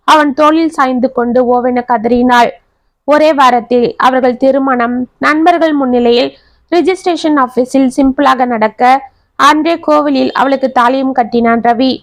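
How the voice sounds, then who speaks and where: Woman, storyteller, expressive narration, dramatic, dry close sound. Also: high-pitched, normal speed, no echo.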